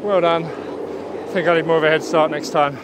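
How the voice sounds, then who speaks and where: A man's voice: on the high side, fairly even intonation, normal speed. A man snowboarding down a slope and commenting casually on an action camera, with short breathless exclamations and self-mocking remarks. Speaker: vlogger snowboarding. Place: outdoors on a ski slope. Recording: loud wind noise on camera mic.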